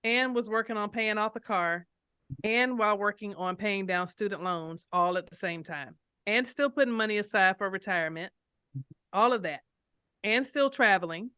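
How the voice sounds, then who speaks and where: A woman hosting a casual interview podcast, talking in an animated, playful way and addressing listeners directly. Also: mid-range voice, moderate pace, smooth, no room sound, clean studio sound. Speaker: podcast host and financial coach.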